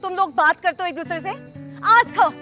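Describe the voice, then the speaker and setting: A woman's voice: very high-pitched, normal speed, bright, forceful tone, faint music behind. An actress playing a defiant young woman, exasperated in a family argument.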